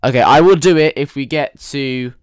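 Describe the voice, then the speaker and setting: A man's voice: mid-range voice, moderate pace, clear, resonant tone, no room sound. A man streaming a driving game, reviewing players' driving with playful, teasing banter. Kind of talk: live game commentary.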